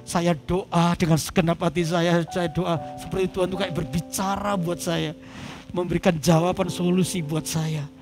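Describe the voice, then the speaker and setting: A man's voice: high voice, level tone, normal speed, over music. A male pastor preaching to his congregation, telling a personal story and animatedly acting out both sides of the conversation. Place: church service before a congregation.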